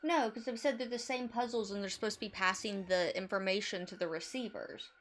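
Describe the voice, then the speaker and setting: A woman streaming a game, chatting casually with wry, quick asides and reading lines aloud. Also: medium pitch, a little hiss or hum.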